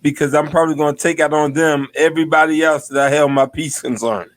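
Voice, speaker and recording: A man's voice: on the high side, steady tone, quick pace. A man in his fifties, a minister and guest, speaking earnestly and often repeating words as he starts sentences. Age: 50s. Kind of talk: casual interview chat.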